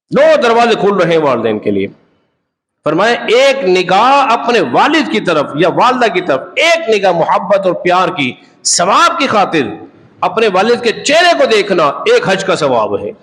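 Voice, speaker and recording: A man's voice: high voice, fairly bright tone, in a large hall. A man preaching a sermon, telling a story and asking the audience rhetorical questions. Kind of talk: sermon on hadith.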